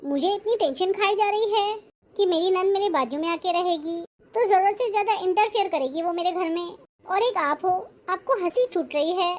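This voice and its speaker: A woman's voice: very high voice, moderate pace. A woman playing an anxious, complaining young married woman in an acted family drama. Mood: fretful. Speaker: married daughter. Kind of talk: acted Hindi family short film.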